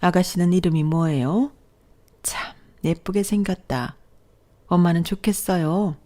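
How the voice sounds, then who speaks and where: A woman reading the part of a frail, gentle elderly mother-in-law who speaks tenderly and apologetically. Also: lowish voice, unhurried, natural voice. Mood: confused.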